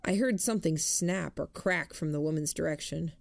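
A woman narrating first-person fiction for an audiobook in a measured, even way. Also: low voice, creaky, dry recording.

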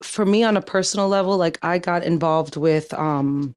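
A woman's voice: on the low side, moderate pace, darkish tone. A woman speaking casually as a guest in an online community chat.

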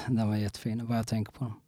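A young man telling his own story in a casual interview, halting often and restarting with many fillers. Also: fairly low pitch, level tone, warm tone, no room sound, clean studio sound.

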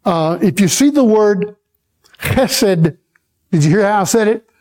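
A man preaching a sermon, teaching slowly and checking in with the congregation as he goes. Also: sits high, animated, a little mellow. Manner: slow, repetitive, checks in with the congregation. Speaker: pastor.

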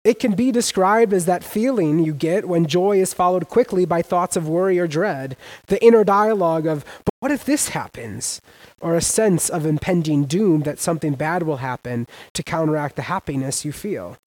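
A man preaching a sermon as pastor, emphatic and casual, with sudden loud rises and everyday slang. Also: fairly high pitch, moderate pace, low-quality recording.

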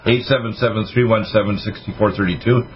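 A man hosting a radio call-in show, giving health advice in a rapid, hyper way. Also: fairly low pitch, fairly even intonation, crowd noise. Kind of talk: casual radio call-in talk. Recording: dull lo-fi radio audio with faint hiss.

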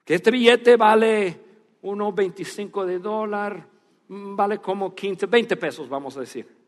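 High-voiced preacher in a reverberant hall. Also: male voice, a little slow. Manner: animated storytelling, then hushed and earnest. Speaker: pastor. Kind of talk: sermon storytelling. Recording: long reverb of a church hall.

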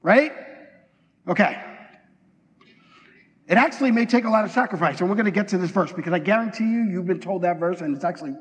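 A man preaching an energetic sermon in a church, talking fast and excitedly and acting out bits of dialogue. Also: sits high. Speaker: pastor. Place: church sanctuary. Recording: long hall reverb.

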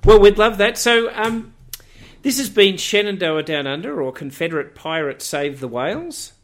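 Man, co-host, casual interview, halting with fillers, somewhat high voice. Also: lively intonation. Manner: hesitant, many fillers and restarts. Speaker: radio show co-host.

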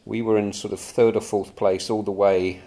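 A man speaks in a low-pitched voice. He delivers a guest report for a podcast in a conversational, unscripted manner, recounting his experience to listeners. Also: level tone, normal speed, warm tone.

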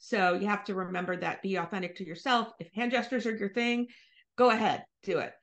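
A woman guest on a podcast interview, explaining her points in a thoughtful, measured way. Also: mid-range voice, fairly even intonation, fairly bright tone. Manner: thoughtful, explanatory, occasional fillers. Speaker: marketing executive guest. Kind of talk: conversational interview.

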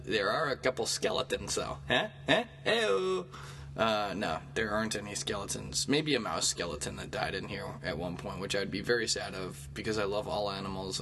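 Male comedy podcast host, self-mocking and rambling, bright tone, recorded in a small closet room with background noise. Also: fairly low pitch. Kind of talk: casual solo comedy podcast talk. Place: inside a small clothes closet.

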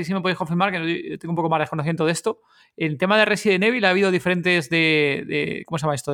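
A man hosts a podcast, reading comments and passing the turn along in short remarks. His voice is notably high for a man. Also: a bit bright. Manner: brief, laughs along, hands over turns. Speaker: podcast host. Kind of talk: hosting a podcast.

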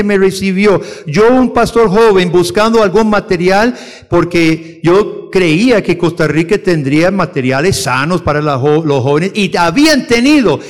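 A man with a high voice teaches a church class and fields questions, speaking with earnest conviction and frequent restarts. His voice carries a long reverb from a large hall. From United States. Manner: earnest, rises to forceful urgency when preaching; halting restarts and fillers. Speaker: missionary teacher.

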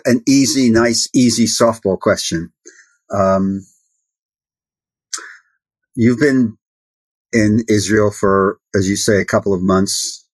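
Rambling podcast host, dry sound. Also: male voice, lowish voice, no room sound. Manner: rambling questions with restarts. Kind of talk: podcast interview.

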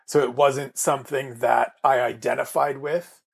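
A man's voice: medium pitch, level tone, normal speed, vocal fry, breathy edge. A man from Canada hosting a casual podcast chat, talking in a rambling way with restarts. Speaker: podcast host.

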